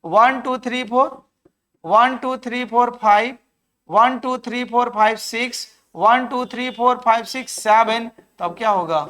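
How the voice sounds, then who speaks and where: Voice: medium pitch, steady tone, measured pace, sharp tone. A reasoning teacher, giving a live classroom lecture, counting aloud and urging students to answer. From Jharkhand.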